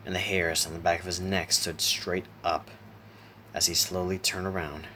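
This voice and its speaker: A man narrating a horror story in a slow, deliberate reading, now and then clearing his throat. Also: sits low, bright, forceful tone, a little hiss or hum.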